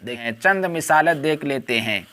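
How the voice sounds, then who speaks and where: Man teaching letters in slow drills. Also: on the high side, lively intonation, sharp tone. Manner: repetitive drilling, spelling out letters slowly and deliberately; brisk explanations between drills. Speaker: Quran reading teacher. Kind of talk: step-by-step reading lesson.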